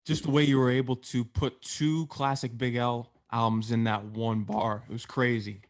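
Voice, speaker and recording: A man's voice: medium pitch, little pitch movement, normal speed. A man hosting a hip-hop interview show, asking questions with enthusiastic praise. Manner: enthusiastic, complimentary. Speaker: interview host, DJ.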